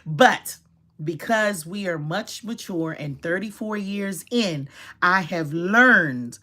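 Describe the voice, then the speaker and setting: A middle-aged woman, giving casual relationship advice to viewers in an animated, preachy way and acting out quoted scenes. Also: lowish voice, slow.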